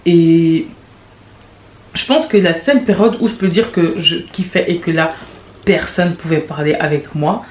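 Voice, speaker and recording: A woman in her late twenties hosting a podcast, talking in a rambling, confessional way with quick restarts and laughs. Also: lowish voice, darkish tone. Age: late 20s. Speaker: podcast host. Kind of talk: casual confessional monologue. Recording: echoey room with faint background noise.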